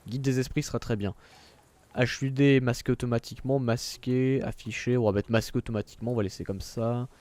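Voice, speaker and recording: A man's voice: mid-range voice, steady tone, a little fast, darkish tone. A man streaming a video game, chatting casually and reading menus and game text aloud, with self-mocking asides. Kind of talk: casual gameplay commentary.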